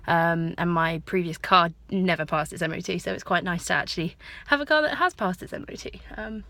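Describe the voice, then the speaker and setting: A woman's voice: on the low side, brisk, pushed and bright, dry recording. A woman chatting casually to camera as an amateur runner making a training vlog. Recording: faint background noise.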